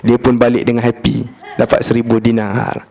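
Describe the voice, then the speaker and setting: A preacher with a Malaysian accent gives a religious lecture in a mid-range voice with vocal fry, at normal speed. He tells a story with humor, lively and colloquial, acting out the dialogue and mixing in English words.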